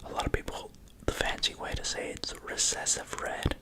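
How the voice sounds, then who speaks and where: Someone whispering asmr narration real hushed, like telling u a secret, no voice just breath. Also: normal speed. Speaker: racing pigeon keeper presenting own birds.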